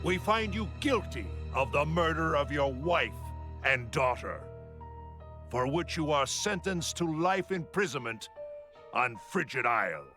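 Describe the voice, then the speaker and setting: A grave ceremonial judge. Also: male voice, fairly high pitch, sing-song, sharp tone, soft background music, heavily acted. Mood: solemn. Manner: slow, ceremonial. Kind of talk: video game voice acting.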